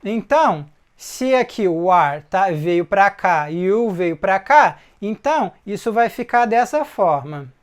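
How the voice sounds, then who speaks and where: A man's voice: high-pitched, expressive, slow, few pauses, smooth. A man teaching English in a casual video lesson, explaining step by step and checking in often with the viewer.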